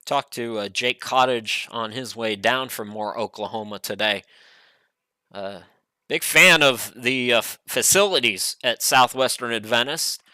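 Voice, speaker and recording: A middle-aged man calling a college soccer match play-by-play from a home studio, chatty and relaxed with frequent fillers. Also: medium pitch, a little slow, no echo. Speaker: play-by-play commentator.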